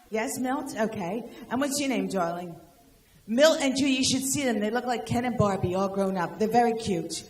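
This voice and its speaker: In an echoey room, a slightly high-voiced older woman works a live audience during her stand-up set, trading brash quick jokes and poking fun at audience members.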